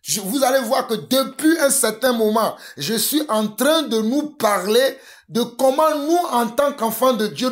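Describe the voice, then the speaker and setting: A Togolese man whose first language is a Togolese language preaches a fervent sermon, blending prayer with urgent exhortation and repetition. His voice sits high and sounds a bit bright.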